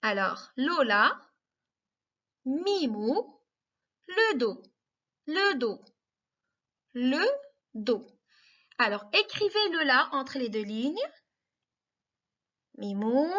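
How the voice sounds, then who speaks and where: High bright slow-talking woman teacher. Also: very animated, muffled recording. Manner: slow, clear, repeats and spells out sounds for small children; encouraging, praises often. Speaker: kindergarten teacher. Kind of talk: remote children's lesson.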